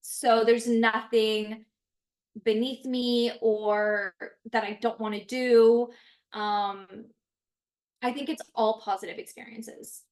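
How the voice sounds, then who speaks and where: A woman's voice: a little high, takes it slowly. A woman from Canada whose first language is French, chatting animatedly as an actress guest. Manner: animated, expressive, laughs often. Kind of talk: casual chat.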